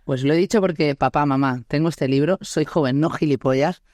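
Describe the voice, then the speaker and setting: A deep, darkish-toned woman's voice, a little fast, hosts a casual podcast chat. She's in her thirties with a Málaga accent from Andalusia, Spain, and laughs often while leaning on tag questions. The sound is clean studio audio without echo.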